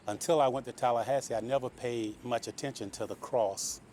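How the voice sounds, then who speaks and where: A middle-aged or older man answering in an interview in a halting manner. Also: mid-range voice, fairly even intonation, a little mellow. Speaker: interviewee, former state representative. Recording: faint ambience and vehicle noise.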